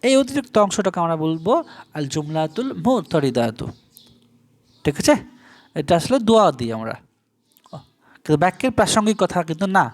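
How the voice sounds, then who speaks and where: His voice is a little high and swings widely in pitch as this Bangladeshi man teaches Arabic grammar online in Bengali. He lays things out one step at a time, slowly spelling each Arabic term.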